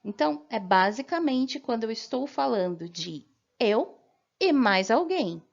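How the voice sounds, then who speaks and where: A Brazilian woman with a slightly high voice gives a beginner language lesson at an unhurried, deliberate pace. She explains patiently and keeps checking in with her listeners. The recording sounds a little dull and lo-fi. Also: expressive, gravelly. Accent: Brazilian Portuguese. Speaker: English teacher.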